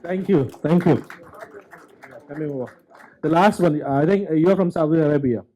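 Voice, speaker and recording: A man's voice: on the high side, normal speed, warm tone, low-quality recording. A man moderating a graduation ceremony, politely handing over to speakers.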